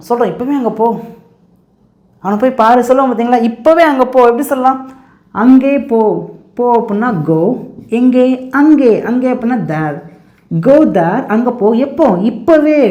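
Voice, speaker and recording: Woman, English teacher, casual drilling, higher voice, roomy echo. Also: darkish tone. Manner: repetitive, drilling with quick questions and answers. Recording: echoey room.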